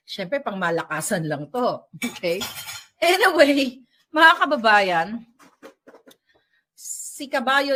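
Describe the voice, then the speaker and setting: A woman's voice: medium pitch, bright, forceful tone, a little hiss or hum. A woman giving casual, sarcastic vlog commentary at home, ranting animatedly and mixing in English. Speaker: political vlogger. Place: at home while tidying up.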